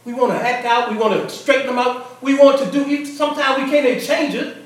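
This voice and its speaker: A man's voice: very high voice, steady tone, a little fast. A middle-aged man preaching a sermon to a congregation in a conversational way, often repeating and restarting phrases. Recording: echoey hall, far mic, congregation.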